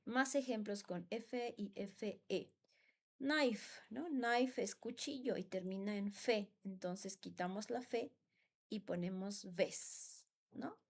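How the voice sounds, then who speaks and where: Slow, gravelly-voiced teacher. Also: female voice, mid-range voice. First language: Spanish. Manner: patient, repeats words and asks "¿no?" for agreement. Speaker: English teacher. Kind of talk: classroom explanation.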